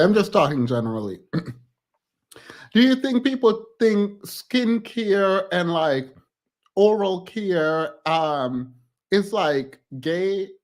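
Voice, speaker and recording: A man making casual reaction commentary, laughing through incredulous asides. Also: sits high. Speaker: reaction streamer.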